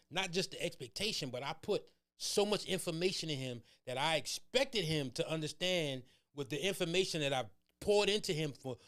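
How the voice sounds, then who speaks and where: Animated man with a lively voice. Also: on the high side. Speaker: co-host. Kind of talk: casual faith talk show.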